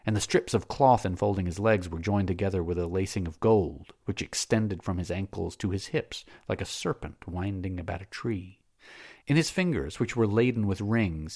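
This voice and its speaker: Deep husky male narrator. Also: a little mellow. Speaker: audiobook narrator. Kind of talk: scripted narration.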